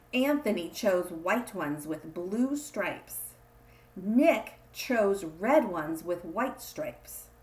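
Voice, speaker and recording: Lively woman reading a kids' story. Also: medium pitch, echoey room. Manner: expressive, drawn-out emphasis on repeated refrain. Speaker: children's book reader. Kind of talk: read-aloud storytelling for kids.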